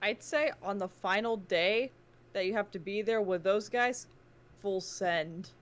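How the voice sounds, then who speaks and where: A woman's voice: mid-range voice, measured pace. A woman joining a game voice call, cracking jokes and egging her friend on. Her voice sits in a plain middle range. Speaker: fellow player. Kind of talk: casual game chat.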